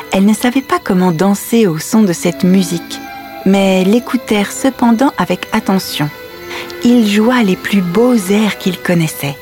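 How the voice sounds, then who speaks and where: A woman's voice: mid-range voice, a little mellow, natural voice. A woman playing a patient, tender mother who tells her children a fairy tale at bedtime. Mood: gentle storytelling. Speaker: storyteller. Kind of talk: audio story, bedtime storytelling.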